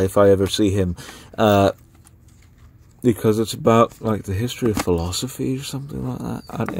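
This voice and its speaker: Low-voiced rambling young man. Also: a little mellow, slight background noise. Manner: rambling, filler-heavy, unhurried. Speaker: book vlogger. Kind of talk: casual spoken book review.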